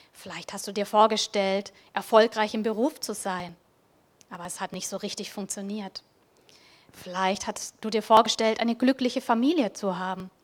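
A woman preacher with a mid-range voice offers a reflective Christmas devotional, addressing the listener directly. At moments her voice drops to a soft near-whisper.

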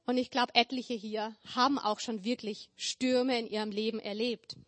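A woman's voice: fairly high pitch, steady tone, moderate pace. A woman preaching a sermon in an earnest, emphatic way, building her points through repetition. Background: church hall with tables.

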